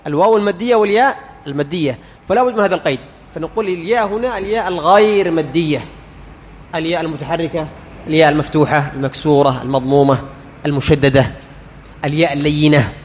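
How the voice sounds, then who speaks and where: Guy teaching recitation, quizzes the room and says the sounds out loud, faint hiss behind. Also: a little high, fast talker, long reverb tail. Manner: quizzes listeners and answers himself, sounding out letters. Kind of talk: lecture.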